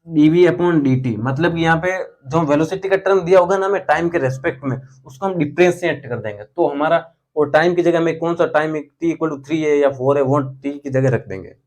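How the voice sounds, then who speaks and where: A man's voice: a little high, a little mellow. A young man teaching physics in a casual, chatty lecture style, speaking terms and repeating key words for his students.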